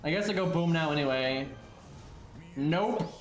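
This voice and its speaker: A man's voice: fairly high pitch, normal speed, reverberant. A congested, sniffly man breathing through his mouth, giving rambling, casual game stream commentary to his viewers. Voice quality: congested, stuffy-nosed.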